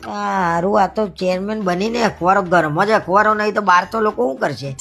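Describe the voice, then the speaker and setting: A woman's voice: medium pitch, a little fast, background noise, close to an everyday voice. A woman playing an exasperated husband in a comedy skit, bickering and pleading with his wife. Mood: proud, defensive. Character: exasperated husband, newly made society chairman.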